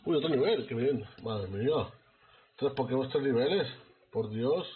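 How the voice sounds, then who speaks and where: A man with a Spain Spanish accent giving excitable live commentary on his gameplay, talking to his chat. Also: mid-range voice, moderate pace, phone-quality sound. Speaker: streamer.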